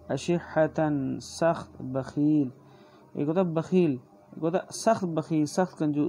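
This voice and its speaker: A man with a Pakistani Urdu accent giving a recorded exam-prep lecture, explaining word meanings slowly and deliberately, repeating glosses. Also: on the high side, warm tone. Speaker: teacher.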